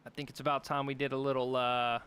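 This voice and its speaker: A young man calling a sim racing broadcast, excitable and quick to laugh during close battles. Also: medium pitch, smooth. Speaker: race commentator.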